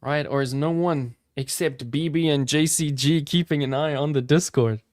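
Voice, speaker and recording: An upbeat, chatty man from South Africa, his South African accent softened toward American, hosting a live trading stream and talking straight to his viewers. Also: a little high, fairly even intonation, normal speed, no room sound, clean studio sound. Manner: upbeat, chatty, addresses chat viewers directly. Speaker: crypto trading livestream host. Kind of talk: casual live-stream commentary.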